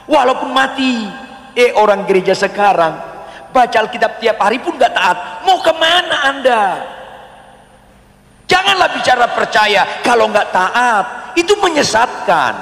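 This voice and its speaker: Animated preacher in an echoing church. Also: male voice, very high voice, creaky. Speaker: pastor. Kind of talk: sermon. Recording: reverberant church hall.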